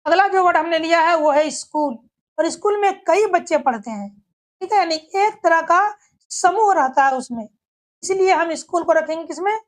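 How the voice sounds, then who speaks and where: Woman teacher, really high voice, explains each word slow and steady, asks questions then answers them. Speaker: English teacher. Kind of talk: scripted grammar lesson.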